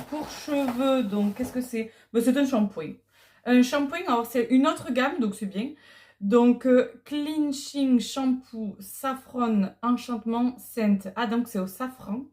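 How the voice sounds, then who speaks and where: There's a little hiss or hum on this clip-on mic recording of a middle-aged woman vlogger's casual unboxing chat. She sounds hesitant, with many fillers, and her voice is on the high side and a little mellow.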